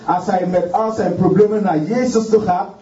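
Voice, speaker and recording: A man preaching in a church hall, fervent and halting, stumbling over repeated words and dropping in hallelujahs. His voice is raised yet dark and mellow. He is heard from a distance in a roomy space, with a dull, muffled sound. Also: high voice, fairly even intonation, a little hiss or hum. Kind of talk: sermon.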